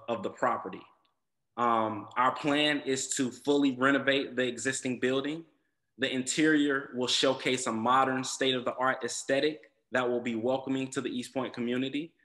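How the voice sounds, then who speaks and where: A man's voice: medium pitch, steady tone, normal speed, bright, forceful tone. A man from Southwest Atlanta, giving an earnest prepared presentation to a zoning commission, with frequent ums and repeated words. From Southwest Atlanta, USA.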